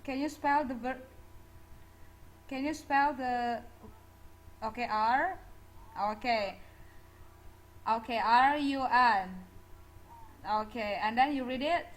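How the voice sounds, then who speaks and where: In a classroom lecture, a woman teaching English drills students on verb forms and pronunciation, blending Indonesian and English and laughing lightly often. Her voice is high, very slow, and full of pauses, captured on a low-quality recording.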